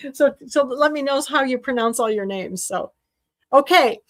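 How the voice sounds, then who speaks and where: A woman's voice: high voice, measured pace, a bit bright. A woman hosting a sewing class livestream, chatting casually with viewers. She rambles and restarts her sentences, with fillers along the way. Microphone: desk mic while streaming.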